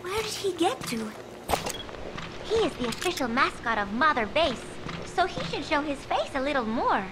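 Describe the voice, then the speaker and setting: A woman voicing a frail, gentle teenage girl who sounds tired and wistful in a video game cutscene. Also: high-pitched, very animated, normal speed, noisy background. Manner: soft, wistful, drifting.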